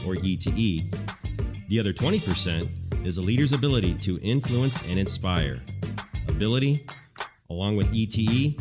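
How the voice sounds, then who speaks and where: A man reading a scripted introduction as the announcer of a military leadership show. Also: fairly low pitch. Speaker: announcer, military master sergeant. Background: guitar music.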